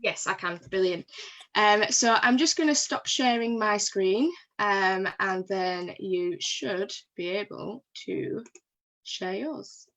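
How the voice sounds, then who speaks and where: A woman's voice: mid-range voice, slow pace, a bit bright. A woman hosting a video call, speaking briefly and reassuringly. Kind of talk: casual call chat. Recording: dull lo-fi call audio.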